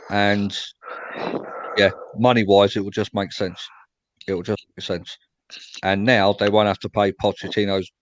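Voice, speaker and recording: A man's voice: on the low side, a little hiss or hum, poor audio. A young man hosting a casual fan chat after a match, reading out viewer comments and answering them. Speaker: fan show host.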